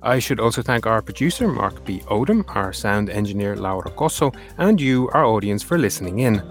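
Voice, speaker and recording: An Irish man co-hosts a weekly news show, reading scripted headlines and trading casual banter with his co-host. His voice is on the low side, expressive and a little fast. Faint music plays behind him.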